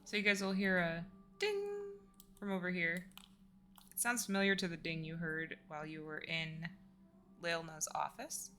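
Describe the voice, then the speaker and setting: A woman narrating as game master of a tabletop role-play, pausing often with fillers and laughing easily. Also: on the low side, fairly even intonation, a bit bright.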